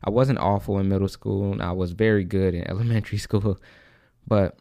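Breathless young man, low and dark. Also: steady tone, a little fast, creaky, dry recording, studio quality. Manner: rambling, repeats and restarts, says "like" and "low-key". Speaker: podcast host. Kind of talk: casual solo podcast monologue.

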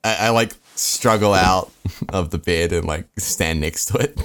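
A man playing in a tabletop game, talking in halting bursts full of restarts. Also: sits low, fairly bright tone, smooth. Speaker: player. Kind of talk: tabletop role-play chat.

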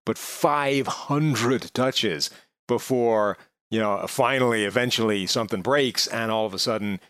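A male sports podcast analyst with a fairly low voice and a very dry sound. He talks conversationally and discursively, building his argument as he goes. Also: measured pace, fairly bright tone, smooth, no echo. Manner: discursive, argues step by step.

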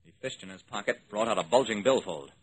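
In an old-time radio drama, an actor plays a wry, level-headed investigator who narrates his case in a clipped, matter-of-fact way. His voice is lowish, animated and quick, with a breathy edge, and the old recording is noisy.

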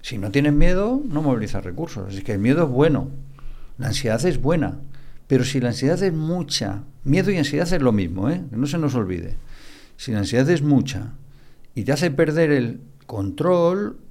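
Older guy, gravelly voice, psychiatrist lecturing on a podcast, hammers key words over and over. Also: mid-range voice, sing-song, moderate pace, darkish tone. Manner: didactic, repeats key words for emphasis. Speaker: psychiatrist guest. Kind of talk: explanatory podcast interview.

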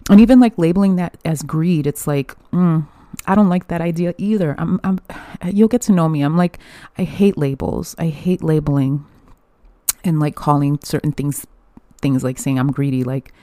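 This young podcast host talks on her own, chatty and candid, swearing freely and often laughing. She has a deep, mellow voice at normal speed in a dry recording.

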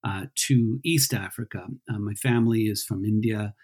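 Male academic guest from Peru, husky low voice, thoughtful and halting. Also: a little mellow. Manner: thoughtful, many ums and restarts. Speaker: author and historian guest. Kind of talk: casual interview answers.

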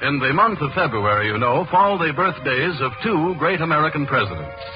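A man's voice: on the high side, sing-song, brisk. A man in the role of announcer, introducing a show and its sponsor in formal, showy 1940s radio style, heard as an old radio broadcast. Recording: dull lo-fi old radio recording with music.

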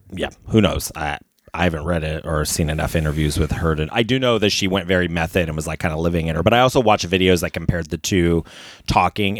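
A man's voice: deep voice, no echo, clean studio sound. A man co-hosting a casual chat, hesitant, full of fillers and self-corrections.

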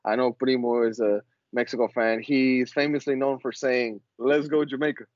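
A man hosts a casual sports podcast in a slangy frat-bro style, his mid-range voice fairly even in intonation, a little mellow, and at normal speed. The recording is very dry, with a slightly dull, lo-fi tone.

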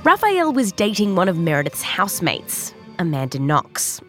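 A woman's voice: fairly low pitch, wildly swooping pitch, normal speed, a bit bright, faint music behind. A woman with an Australian accent narrating a scripted science documentary in a conversational storytelling way, leaning on key words. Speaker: host and narrator.

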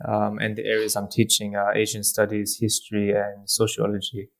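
Australian male lecturer, 30s, low monotone, hesitant guest-interview delivery. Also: normal speed, gravelly. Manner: hesitant, many ums and uhs. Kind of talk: academic interview answers.

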